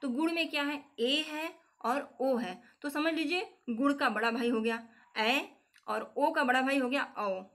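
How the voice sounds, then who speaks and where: A woman's voice: sits high, measured pace, fairly bright tone. A young woman teaching a grammar lesson for exam preparation, repeating the key points and calling her viewers friends.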